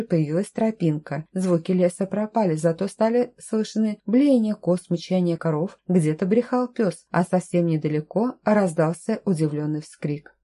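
Mellow-voiced woman reading a fantasy story. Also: lowish voice. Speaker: audiobook narrator. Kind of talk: first-person storybook narration.

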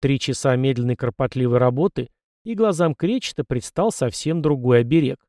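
A man narrating an audiobook in a steady, measured way. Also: mid-range voice, dry recording, clean studio sound. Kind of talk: scripted narration.

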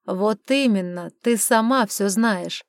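A woman voicing a lazy, charming duke in an audiobook, talking in a calm, coaxing way. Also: medium pitch, slow, vocal fry, no room sound, studio quality. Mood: calm, persuasive. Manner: coaxing, placid. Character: lazy, charming middle-aged male duke. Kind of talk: audiobook character reading.

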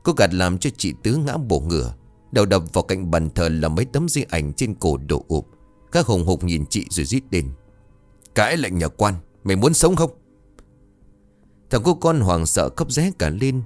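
A man narrating a scripted ghost story in a dramatic, expressive way. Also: low voice, moderate pace, faint music behind.

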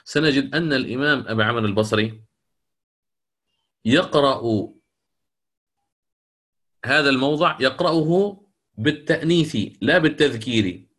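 A man teaching a lecture on Quran recitation. He explains the rules, asks the class questions and answers them himself, and slowly chants verses as examples. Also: mid-range voice, fairly bright tone.

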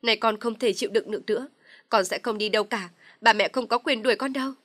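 A woman voicing a young husband who protests loudly and indignantly in an audio story. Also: mid-range voice, fairly quick, dry recording, lightly acted. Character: angry young husband standing his ground.

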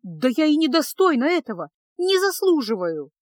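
A squeaky, flustered young apprentice witch, voiced by a woman narrator, protests in a raised, high voice. She sounds frightened and keeps objecting, her voice pitched well above the narration. The audiobook recording is dry and close. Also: sing-song, normal speed, fairly bright tone, no room sound. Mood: protesting.

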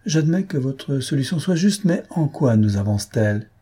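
A man voicing a polite, measured male examining magistrate. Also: mid-range voice, expressive, dark tone, slightly rough, pitched above the performer's own voice.

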